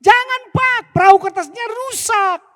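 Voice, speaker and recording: A man voicing a small boy who panics and wails over his lost paper boat, shrill and pleading. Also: sing-song, slow, darkish tone, full character voice. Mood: wailing.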